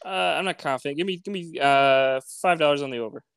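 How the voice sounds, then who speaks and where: A man co-hosting a casual podcast, telling stories in a halting way with many restarts. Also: fairly high pitch, creaky, fairly bright tone, clean tone, no room sound. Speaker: podcast co-host.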